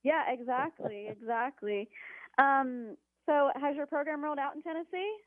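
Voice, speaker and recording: A woman calling in to a radio show over a clipped phone line, asking her question in a polite, halting way. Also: high voice, crowd noise. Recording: tinny narrow phone line.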